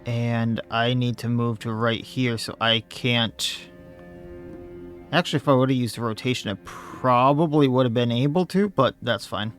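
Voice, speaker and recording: A man's voice: medium pitch, measured pace, fairly bright tone, soft background music. A man, slightly losing his voice, commenting casually on his own gameplay and thinking aloud as he plays. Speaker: let's play host.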